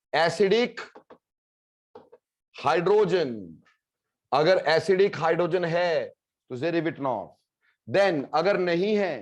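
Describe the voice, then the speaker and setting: Male chemistry teacher, mixed in, high voice, unhurried classroom delivery that checks understanding. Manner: explains step by step, asks the class "clear?" and repeats key terms; calls students "beta" and "bhai". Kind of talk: classroom lecture mixing Hindi and English.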